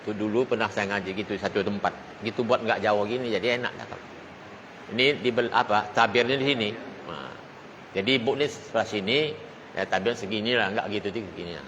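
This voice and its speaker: A man's voice: lowish voice, fairly quick, fairly bright tone, slight background noise. A man talking casually and chattily to a gathered audience, laughing easily.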